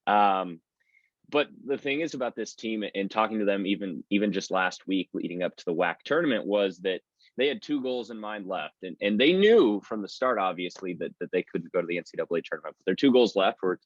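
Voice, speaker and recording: A sports radio play-by-play announcer, appearing as a podcast guest, gives earnest, wordy answers in a conversational interview. His voice is fairly low, animated and a little fast. The recording is muffled, with no room sound.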